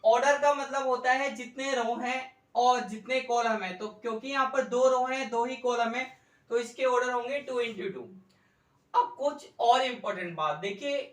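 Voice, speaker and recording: A man teaching a math lesson at a board, explaining slowly, repeating points and quizzing his students. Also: extremely high pitch. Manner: slow, repetitive, quizzes students with questions. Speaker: economics tutor. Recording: echoey room, mic far off.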